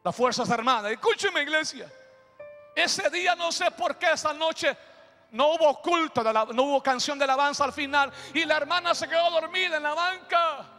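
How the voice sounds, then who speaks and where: A male pastor telling a story during a sermon, preaching with shouted bursts and acted sound effects. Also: extremely high pitch, normal speed. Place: church. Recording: echoey church hall with music.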